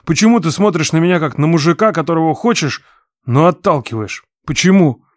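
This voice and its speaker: A woman's voice: extremely low pitch, animated, moderate pace, a little mellow, dry recording, studio quality, voice pushed down, full character voice. Woman doing a growling angry young man. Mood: angry pleading. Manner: growling, demanding, hoarse. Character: rough angry young man, drunk, intense. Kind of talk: audiobook reading.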